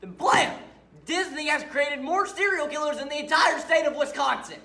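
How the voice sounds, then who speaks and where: A young man performing a manic, taunting male serial killer on death row as a dramatic interpretation piece, with shouts and cackles. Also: medium pitch, lively intonation, moderate pace, recorded from a distance, lightly acted. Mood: ranting. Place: competition room. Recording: roomy hall recorded from afar.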